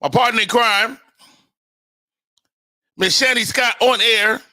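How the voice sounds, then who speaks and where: Very bright, high-voiced male show host. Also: fairly even intonation, slow pace. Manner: upbeat, informal, slangy shout-outs. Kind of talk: casual live show chat.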